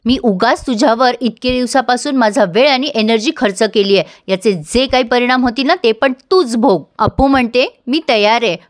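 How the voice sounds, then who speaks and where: A woman retelling a TV serial episode to viewers, quoting each character's lines in turn. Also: fairly high pitch. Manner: addresses viewers directly, brisk storytelling. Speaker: serial recap narrator.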